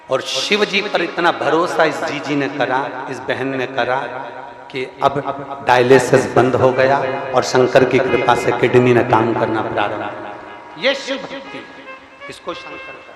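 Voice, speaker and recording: A man from Madhya Pradesh, India, preaching a devotional sermon, acting out dialogues in an animated, folksy way with homely sayings. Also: mid-range voice, a little slow. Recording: echoey hall with music.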